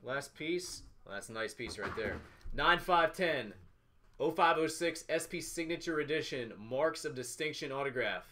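Slight background noise accompanies a man in his thirties hosting a sports card box-break show in a small indoor office. His voice is a little high, pushed and bright, with lively intonation at normal speed, and he calls out each unboxed item in short, clipped phrases.

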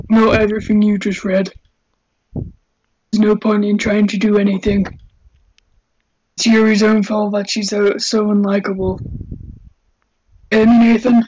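A woman voicing a possessed, glitching schoolgirl in a visual novel, speaking in a slow, eerie, controlled manner. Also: mid-range voice, flat delivery, a little mellow, highs cut off, a little hiss or hum, natural voice. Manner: possessed, slow demonic delivery. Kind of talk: visual novel character dubbing.

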